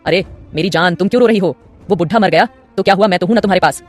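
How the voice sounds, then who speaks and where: A woman's voice: fairly low pitch, rapid-fire, faint music behind, lightly acted. A woman voicing a scheming, treacherous male commander who mocks and gloats in an audio story. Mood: leering. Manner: mocking, gloating.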